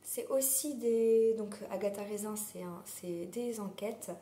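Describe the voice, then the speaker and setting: A woman vlogger chatting casually while hoarse from a sore throat, rambling with many fillers. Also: medium pitch, measured pace, dark tone. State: sore throat, losing her voice. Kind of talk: casual chat. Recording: roomy echo.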